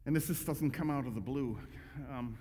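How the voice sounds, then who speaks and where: A man's voice: medium pitch, moderate pace, warm tone. A male pastor preaching a conversational, emphatic sermon with frequent restarts. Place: church sanctuary. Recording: echoey church hall.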